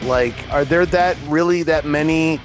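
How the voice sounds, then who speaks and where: A man's voice: a little high, unhurried, over music. A man co-hosting a podcast in casual chat, rambling with lots of fillers and swearing. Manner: rambling, full of fillers and profanity. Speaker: podcast co-host.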